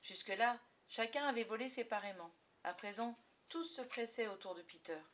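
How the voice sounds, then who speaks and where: A woman narrating a children's storybook aloud, expressive and dropping softer for suspense. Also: fairly high pitch, moderate pace. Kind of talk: audiobook narration of a children's classic.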